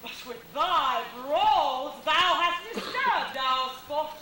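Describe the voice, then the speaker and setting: A woman's voice: high voice, animated, slow pace, sharp tone, exaggerated voice. A woman playing a proud, scornful fairy queen in hammy, theatrical Shakespearean stage style, projecting and drawing out her words. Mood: grave reproach. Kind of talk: outdoor stage performance of Shakespeare. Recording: echoey, noisy distant outdoor theatre recording.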